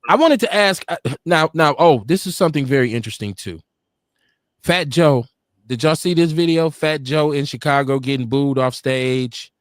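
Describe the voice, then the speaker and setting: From a home studio livestream, a male podcast co-host whose voice is on the high side chats at a moderate pace, rambling through stories and often laughing or correcting himself. The recording is dry with clean studio sound.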